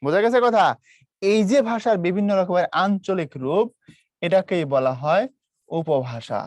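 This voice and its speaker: Male teacher, from Bangladesh, live online lecture, quizzes students, slightly high voice, dry. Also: normal speed, dry recording. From Brahmanbaria, Bangladesh. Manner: lively, quizzes students, mimics regional dialects.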